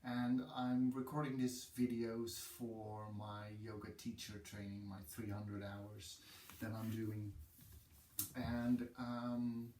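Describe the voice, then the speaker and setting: Dutch guy yoga teacher, lots of ums, flat low voice, echoey room. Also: far from the mic. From Netherlands. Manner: hesitant, many ums. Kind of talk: casual talk to camera. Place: room with a wooden floor.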